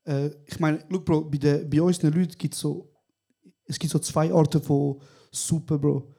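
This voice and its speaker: A young man with a Swiss German accent co-hosts a casual podcast recorded live at a small venue, animatedly telling stories and dropping "Bro" into almost every sentence. His voice sits on the high side, gravelly with a breathy edge, and he keeps a measured pace.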